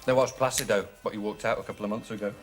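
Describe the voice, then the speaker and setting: A man's voice: on the low side, fairly even intonation, rapid-fire, lightly acted. An actor playing a mild, cautious, homely man, earnest and hesitant in natural TV comedy-drama dialogue. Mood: mildly defensive. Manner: hesitant, earnest, mildly fussy. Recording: music behind the dialogue.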